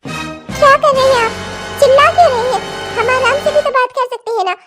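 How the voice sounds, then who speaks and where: Woman doing a loyal cartoon wife, super high voice, pleading and earnest. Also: fairly even intonation, brisk, loud music behind the voice. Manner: pleading, earnest, gently insistent. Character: patient devoted young wife. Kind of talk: cartoon voice acting.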